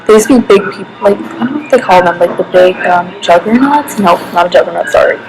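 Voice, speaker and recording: A woman's voice: on the low side, expressive, fast, a little mellow, slight background noise, poor audio. A young woman answering interview questions casually, rambling with many fillers and restarts. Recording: background music.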